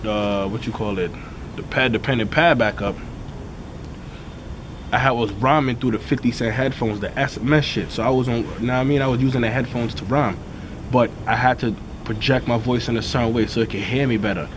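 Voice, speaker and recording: Outdoors in a city neighborhood, a rapper with a dark, raspy voice talks casually in an interview, dropping "you know what I'm saying" throughout. He speaks briskly at a medium pitch, with background noise audible.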